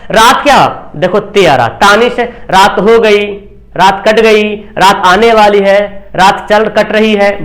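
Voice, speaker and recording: A man teaching a grammar class online, who explains slowly, repeats example sentences and keeps checking with the students. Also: high-pitched, a bit bright.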